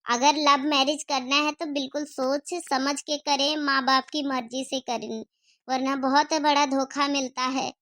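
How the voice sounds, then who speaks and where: Earnest high-voiced woman host. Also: level tone, unhurried, sharp tone. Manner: earnest, advising. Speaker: channel host. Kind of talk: moral-story outro address.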